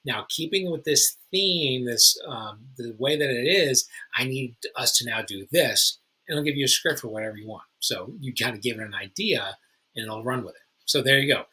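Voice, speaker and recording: Man, husky, very bright tone, realtor host, casual tutorial, chatty and informal. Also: medium pitch, moderate pace, low-quality recording. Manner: informal, chatty, self-correcting. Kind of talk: casual how-to talk to fellow agents.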